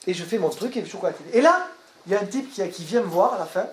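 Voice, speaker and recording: A man, an actor, telling a personal story to an audience in a lively way and often repeating words as he searches for them. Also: high voice, fast talker, roomy sound, slight background noise. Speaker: stage actor and director.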